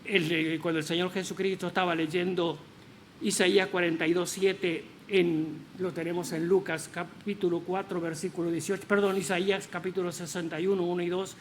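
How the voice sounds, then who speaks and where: A man's voice: high-pitched, flat delivery, normal speed, slight background noise. A man preaching in church, explaining scripture with many rhetorical questions and stressed words. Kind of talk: sermon.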